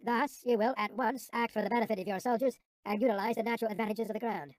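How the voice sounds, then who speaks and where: A sped-up helium chipmunk voice delivers scripted audiobook narration. The reading is brisk and formal, with phrases that drop at the end. The sound is dry, with no room around it. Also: mid-range voice, steady tone, no echo.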